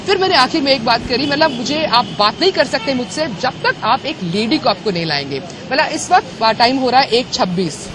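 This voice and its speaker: A young woman giving an indignant, animated account of an incident, recorded outdoors. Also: high voice, moderate pace, few pauses, crowd noise. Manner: animated, indignant retelling with quoted dialogue. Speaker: complainant. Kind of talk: emotional personal account. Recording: noisy street sound behind.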